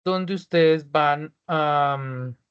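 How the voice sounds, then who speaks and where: A man's voice: fairly high pitch, very slow, clean tone, lo-fi sound. Patient man guiding an online class. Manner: patient, repeats each step, asks if everyone is ready. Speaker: teacher.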